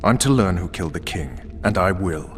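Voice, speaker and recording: An actor voicing a blunt, commanding tough-cop commander running an interrogation in a video game. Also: male voice, low-pitched, lively intonation, normal speed, slight background noise. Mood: defiant, hard. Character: gruff tough male cop, stern special forces commander interrogating.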